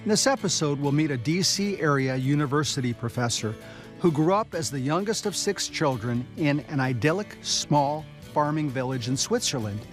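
A middle-aged man hosting a religious talk show, delivering a polished, earnest introduction and then chatting with his guest. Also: on the high side. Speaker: host. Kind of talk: scripted show introduction and interview. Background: background music.

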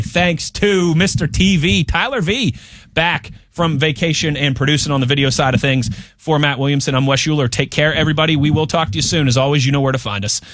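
A man's voice: on the high side, a bit bright, no room sound, studio quality. Laid-back man hosting sports radio. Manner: laid-back, chuckling, conversational. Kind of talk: casual sports chat.

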